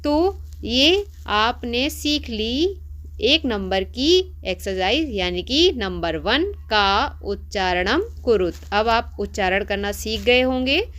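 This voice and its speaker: A woman teaches young pupils a language lesson and coaxes them to say each word back after her. Her voice is bright and fairly high. She speaks slowly and deliberately. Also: expressive. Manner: coaxing, asks pupils to repeat after her. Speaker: Sanskrit teacher. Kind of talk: classroom lesson for schoolchildren.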